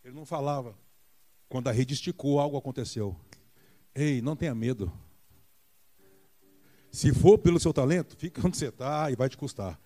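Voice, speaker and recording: A Brazilian man preaching a Sunday sermon in a church, retelling a Bible story and acting out the voices of the people in it with big jumps in pitch. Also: normal speed, long pauses, warm tone, faint music behind. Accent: Brazilian Portuguese. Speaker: pastor.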